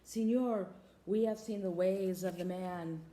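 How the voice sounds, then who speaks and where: A woman's voice: medium pitch, a little slow, warm tone, roomy sound, lightly acted. A woman voicing a troop of monkeys that chatter their warning. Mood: knowing.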